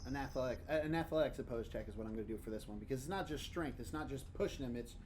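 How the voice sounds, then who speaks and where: A man's voice: medium pitch, racing, a little mellow. A man speaking as dungeon master, explaining and narrating a tabletop game in an informal, casual way. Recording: faint background noise.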